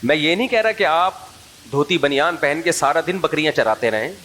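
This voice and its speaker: This middle-aged Pakistani Islamic preacher gives an informal religious talk, his fairly high, slightly bright voice rising and falling lively as he tells funny anecdotes in a loose, chatty style. He keeps firing direct questions at his audience, and the rough recording carries a faint hiss.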